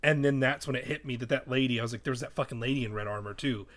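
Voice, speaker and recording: A man chatting excitedly on a tabletop game podcast, swearing freely and retelling conversations. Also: mid-range voice, fast talker. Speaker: podcast editor and player. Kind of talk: casual tabletop podcast chat.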